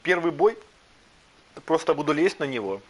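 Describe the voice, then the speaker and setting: A man's voice: on the high side, big pitch swings, moderate pace, poor audio. A man talking casually as he plays a game and comments on his matches, with music behind him. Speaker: gamer commenting on own matches. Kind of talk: casual gaming chat. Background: fighting game music.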